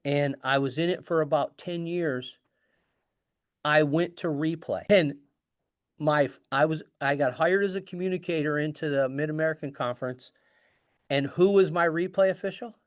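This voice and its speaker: A man's voice: a little high, normal speed, no echo, clean studio sound. A middle-aged man casually telling a story, acting out the dialogue as he goes. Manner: animated, acts out dialogue. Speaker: guest storyteller.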